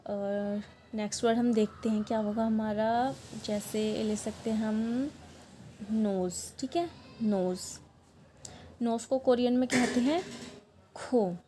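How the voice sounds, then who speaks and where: A young woman teaching a language lesson, explaining words step by step, patiently repeating them slowly and checking in often. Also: a little high, noisy background. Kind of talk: online language lesson, writing on a board.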